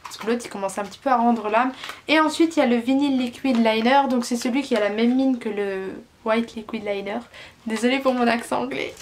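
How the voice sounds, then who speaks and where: A woman's voice: fairly high pitch, a little fast, slight background noise. A young woman from France chatting enthusiastically through a beauty unboxing, listing each product with frequent fillers. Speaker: beauty vlogger. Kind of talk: casual unboxing chat.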